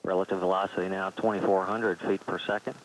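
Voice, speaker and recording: A man giving measured, clipped technical flight commentary in mission control radio style. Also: sits low, little pitch movement. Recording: noisy archival mission control radio feed.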